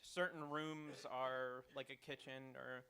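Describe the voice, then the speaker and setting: A man in the audience asking a developer a halting question, full of likes and ums. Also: medium pitch, flat delivery, pushed and bright.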